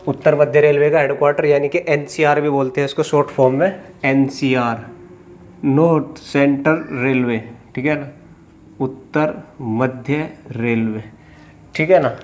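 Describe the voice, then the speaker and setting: A man teaching a lesson, explaining step by step, asking questions and answering them himself, drawling names slowly as he writes. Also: on the high side, fairly even intonation, darkish tone. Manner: drawls place names slowly while writing. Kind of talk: classroom lecture at a board. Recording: faint background noise.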